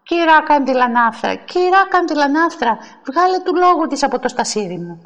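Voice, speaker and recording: A woman's voice: sits high, animated. A woman voicing a quarrelsome older woman who scolds and complains indignantly over a church pew. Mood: shrill. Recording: long hall reverb.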